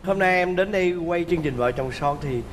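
A man's voice: high-pitched, a little fast. A middle-aged man, hosting a talk show and interviewing guests. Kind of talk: presenting and interviewing. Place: TV studio stage. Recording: reverberant hall, faint noise.

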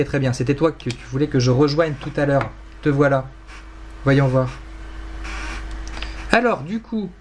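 A man's voice: on the high side, a little hiss or hum. A young man casually commenting on his Minecraft gameplay, rambling playfully, teasing and mocking himself. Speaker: gaming YouTuber.

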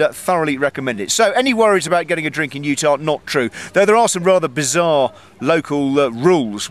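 Out on the mountain, a middle-aged man with a slightly high voice delivers an easygoing snow report into an arm's-length camera. As a ski reporter, he rambles conversationally, dropping frequent ums and wry remarks.

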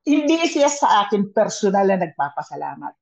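A woman's voice: medium pitch, big pitch swings, moderate pace, vocal fry, a little mellow. A woman sharing a personal church testimony as a radio guest, telling it animatedly and mixing Tagalog and English. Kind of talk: casual testimony.

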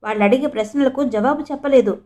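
A woman's voice: high-pitched, fairly quick, warm tone, natural voice. A woman voicing a worried woman doctor.

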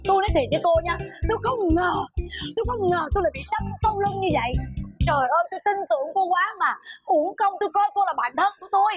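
A wife who feels stabbed in the back by her best friend scolds her in a very high voice. She rattles off her complaints at top speed. Faint music plays behind her. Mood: indignant. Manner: hurt, indignant, rapid. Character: indignant wife feeling betrayed by her friend. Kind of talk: TV sitcom acting.

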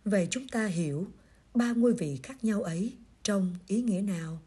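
A woman reading a priest's pastoral reflection aloud in a gentle, measured storytelling way. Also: mid-range voice. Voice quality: very breathy, husky voice. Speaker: reader of a priest's pastoral letter.

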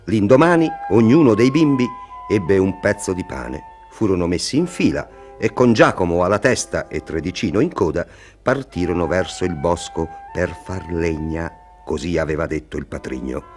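A man narrating a fairy tale for children, expressive and talking to them directly. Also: low voice, moderate pace, faint music behind. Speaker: storyteller.

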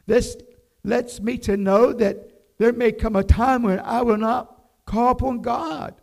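An older man preaching a devotional sermon from a church pulpit, slow and emphatic, reading scripture aloud. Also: extremely high pitch, steady tone, creaky, darkish tone. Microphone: pulpit microphone, far camera.

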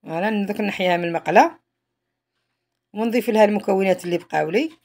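A woman's voice: medium pitch, very fast, darkish tone. A woman with an Algerian Arabic accent, narrating a home cooking tutorial in a chatty way, often trailing off mid-phrase. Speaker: home cook.

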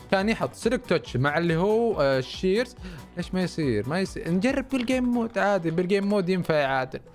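A young man narrates his gameplay in a quick, high-pitched, lively voice. He drops into low muttering, then bursts out excited. Faint music plays behind him. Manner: animated, swings between muttering and excited shouts. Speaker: gaming YouTuber. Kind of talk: Minecraft let's-play commentary.

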